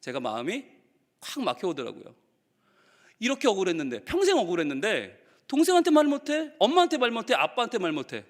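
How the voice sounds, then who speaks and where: High, animated male preacher. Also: fast. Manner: animated storytelling, acting out quotes. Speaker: pastor. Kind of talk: sermon to teachers. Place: church sanctuary. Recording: reverberant church hall.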